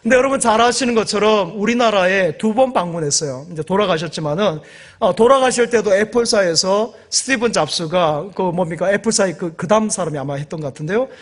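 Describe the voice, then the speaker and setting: A man preaching a Sunday sermon as pastor, fervent and calling out to the congregation, at times rising to shouts and at times dropping to soft asides. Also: high-pitched, fairly quick. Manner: fervent, swells to shouts of affirmation; addresses congregation often, drops to soft asides. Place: church sanctuary.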